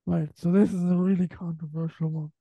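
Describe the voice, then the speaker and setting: A man's voice: fairly high pitch, little pitch movement, brisk, gravelly, mellow, slightly rough, no room sound. A man in his late teens with a west of Ireland accent, hosting a casual sports interview. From Galway, Ireland. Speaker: podcast host. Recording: dull, muffled lo-fi audio.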